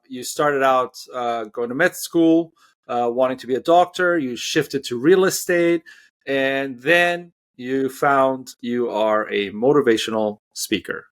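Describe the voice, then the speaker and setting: A man hosting a podcast on social issues, introducing his guest and responding in an affirming way with a few hesitant restarts. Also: mid-range voice. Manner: warm, affirming, with some ums and hesitant restarts. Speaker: podcast host.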